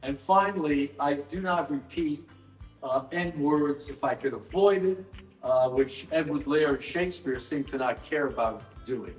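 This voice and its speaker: A man presenting his book at a live event, explaining in a measured way with dry asides. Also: a little high. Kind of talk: live explanatory talk to an audience. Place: event hall at a book fair. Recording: roomy hall echo, mic some distance off, faint music.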